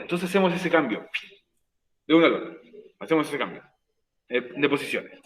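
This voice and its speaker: Emphatic male English teacher, higher voice. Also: fairly bright tone, rough recording. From Chile. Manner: patient, repeats points for emphasis. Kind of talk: recorded online class explanation.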